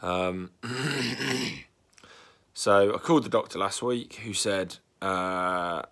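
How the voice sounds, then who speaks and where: Stuffed up and a little hoarse from a cold, a young man talks slowly about what's worrying him in a laid-back vlog, pausing to clear his throat. His fairly low voice has a slightly bright quality and a fairly even intonation as he rambles nervously.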